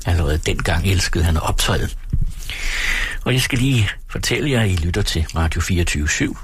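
A man from Denmark reading a novel aloud on his radio show, calm and measured. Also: low voice, background noise.

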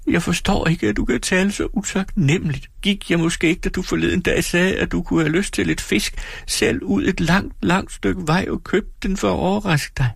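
A childish young wife pleads and sulks in a high, soft voice, as a man reading aloud puts her on. She sounds husky, with a dry close sound. Every line comes out plaintive and teary, like a spoiled girl in a storybook. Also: no echo, lightly acted. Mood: wounded, plaintive. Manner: sulky, plaintive, quick to tears.

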